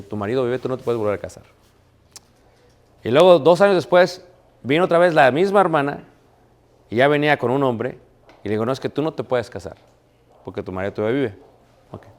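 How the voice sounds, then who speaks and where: Guy preaching, storytelling, asks the church questions, middle pitch. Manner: storytelling with quoted dialogue and rhetorical questions. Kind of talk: sermon.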